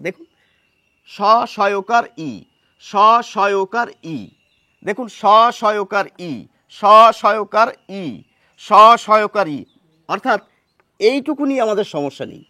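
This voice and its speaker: Male teacher, high-pitched, patient and repetitive, dry close mic. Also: fairly bright tone, no echo. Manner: patient, explanatory, repeats sounds slowly. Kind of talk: whiteboard pronunciation lesson.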